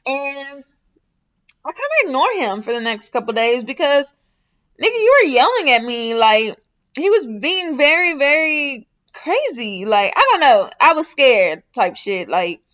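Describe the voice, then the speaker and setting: A young woman vlogger telling a casual storytime, animated and slangy, swearing often and talking straight to her viewers. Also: sits high, measured pace. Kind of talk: casual storytime while doing a wig install.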